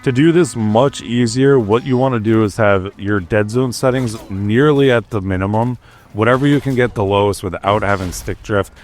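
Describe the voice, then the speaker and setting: A young man with a fairly low voice narrates his gameplay in an easygoing voice-over. He talks conversationally and hands out tips as he goes. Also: moderate pace. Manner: relaxed, conversational, tip-giving. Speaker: gaming YouTuber narrating gameplay. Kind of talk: casual gameplay commentary voice-over.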